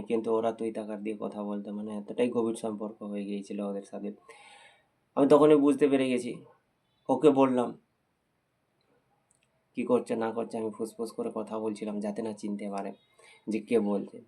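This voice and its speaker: A young man with a gravelly, creaky voice recounts a personal story straight to his viewers. He talks in a heartfelt, repetitive way, circling back over the same points. His pitch sits in an ordinary middle range. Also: mellow. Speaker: vlogger.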